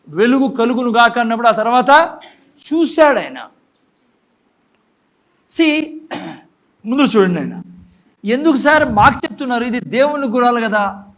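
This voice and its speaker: High-voiced preaching man. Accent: Telugu. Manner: preaching with rhetorical questions and sudden emphatic shouts; mixes English phrases into his preaching. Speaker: pastor. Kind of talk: sermon. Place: church.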